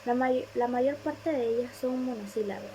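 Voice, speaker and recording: Woman, student presenter, reads aloud, stresses example words, mellow tone, higher voice. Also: normal speed, a little hiss or hum, rough recording. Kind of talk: reading a class presentation.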